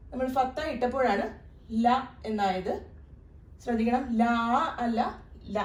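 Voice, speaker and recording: A woman's voice: fairly high pitch, a little mellow. Distant, echoey woman tutor. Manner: patient, repeats key sounds slowly. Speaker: Arabic tutor. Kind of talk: teaching lesson.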